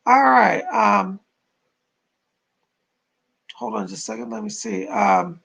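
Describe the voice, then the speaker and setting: A man with a hoarse, croaky frog voice, giving live spiritual readings to donors as a psychic medium. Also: high-pitched, slow pace, fairly bright tone, lo-fi sound.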